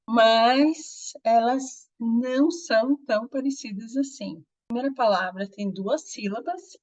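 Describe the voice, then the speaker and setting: Slow, patient woman teaching. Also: a little high. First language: Portuguese. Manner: slow, deliberate explaining with rhetorical questions. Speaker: English teacher. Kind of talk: video lesson.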